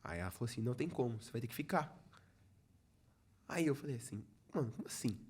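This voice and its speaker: A man's voice: mid-range voice, lively intonation, fast, a little mellow, breathy edge. A young Brazilian man who leads a church youth ministry, telling his personal testimony as a guest in a casual podcast chat and acting out the quoted dialogue as he goes. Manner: storytelling, acts out quoted dialogue, many "falei assim" asides.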